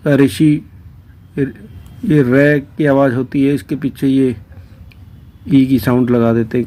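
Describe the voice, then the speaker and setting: Haryanvi guy explaining letters real slow, dark relaxed voice, chatty and patient. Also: mid-range voice. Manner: patient, step-by-step, chatty asides. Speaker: Hindi script teacher. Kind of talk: casual explaining lesson.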